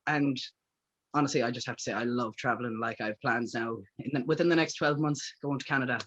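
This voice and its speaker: A man's voice: mid-range voice, fast talker, fairly bright tone, husky, dull audio. An Irish man in his early twenties, answering as an interview guest eagerly, with lots of "like". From Ireland, Galway. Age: early 20s. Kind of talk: casual interview chat.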